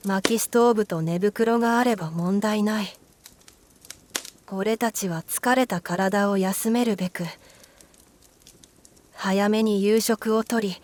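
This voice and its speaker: A woman reads a scripted ghost story in a hushed, eerie manner. Her delivery is very slow, with deliberate pauses between short phrases. Her pitch sits in the middle range for a woman. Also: a little hiss or hum.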